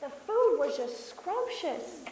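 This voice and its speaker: A woman's voice: sits high, very animated, takes it slowly, far from the mic, full character voice. A woman playing a sweetly polite old lady detective who rambles hesitantly in a comic stage play. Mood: sweet, fussy. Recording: echoey hall from afar, faint hiss.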